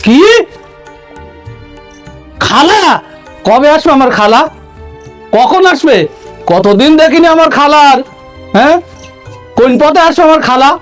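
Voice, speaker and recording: A man voicing a hard-of-hearing, hot-tempered male villager, loud and quick to take offence. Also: extremely high pitch, faint music behind. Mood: eager. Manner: loud, shouting, takes offence.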